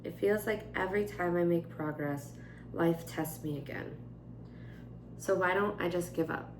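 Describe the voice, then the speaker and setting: A young woman vlogger sits at a table indoors at home, filmed by a camera on a tripod, chatting casually and reading from her journal. Tired, she sounds raspy and strained, with a fairly low, unhurried voice, gentle and candid, with frequent fillers. The sound is roomy, with a noisy background.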